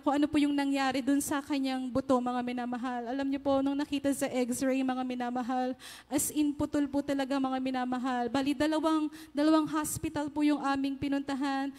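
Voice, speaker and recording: High-voiced woman giving a church testimony. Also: darkish tone, long reverb tail. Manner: earnest, deferential, often addresses the congregation. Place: church hall.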